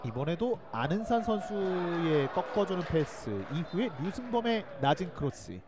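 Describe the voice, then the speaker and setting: A high-voiced man calls a live football match play by play. His delivery is animated and excitable, swinging up into shouts on chances, with faint stadium noise behind him. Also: normal speed.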